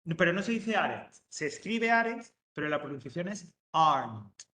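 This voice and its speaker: A man teaching an English grammar lesson, explaining step by step and reading example sentences slowly. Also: high-pitched, expressive, a bit bright. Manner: explains step by step, checks understanding with frequent "¿vale?" and "¿ok?". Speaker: adult education English teacher. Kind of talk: recorded online English lesson.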